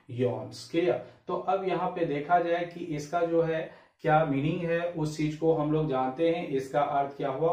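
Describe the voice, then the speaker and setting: A man teaching English vocabulary in Hindi, asking "clear?" after each point and spelling words out letter by letter. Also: on the high side, a little mellow, far from the mic. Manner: repetitive quizzing, asks "clear?" often; spells words letter by letter, drawls example sentences. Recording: echoey room, away from the mic.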